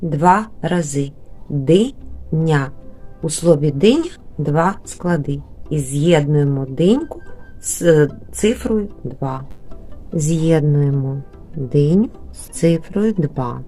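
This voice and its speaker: A woman teaching young children in a remote lesson, patient and slow, stretching out words syllable by syllable, with a Ukrainian accent. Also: deep voice, expressive, dark tone, soft background music. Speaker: primary school teacher.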